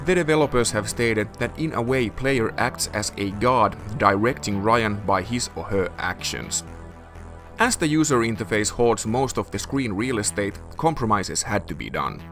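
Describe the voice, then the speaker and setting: Low-voiced man. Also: a bit bright. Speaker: video game reviewer. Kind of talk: scripted narration, retro game review.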